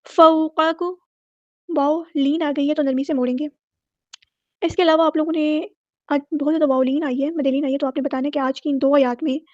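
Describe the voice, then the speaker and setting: A woman gives a patient, step-by-step tajweed lesson, slowly drawing out each recited word before explaining the rule. Her voice sits high and stays level without much rise and fall. The recording is dry and a little dull. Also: dark tone, no echo. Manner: patient, repetitive step-by-step instruction. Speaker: Quran recitation teacher.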